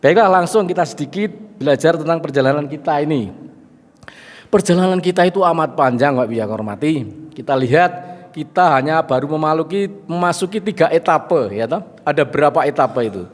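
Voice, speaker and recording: A middle-aged male preacher with a Javanese accent and a fairly high voice gives a lively, conversational sermon. He keeps turning to the audience with asides and jokes. His voice rings with the long reverb of a big hall. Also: a little fast. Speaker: Islamic preacher. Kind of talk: sermon to a live gathering.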